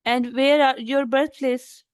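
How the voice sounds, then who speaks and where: Woman interviewer, polite and hesitant; fairly high, smooth voice, dry sound. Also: fairly even intonation, takes it slowly, no echo. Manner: polite, hesitant, addresses guest as sir. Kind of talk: interview questions.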